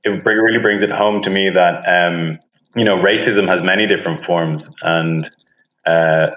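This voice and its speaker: A man's voice: low voice, steady tone, normal speed, a bit bright. A man from Ireland, a guest on an interview podcast, talking earnestly and with conviction. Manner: earnest, thoughtful, speaks with conviction. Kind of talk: casual interview. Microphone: phone. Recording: dull, echoey phone call.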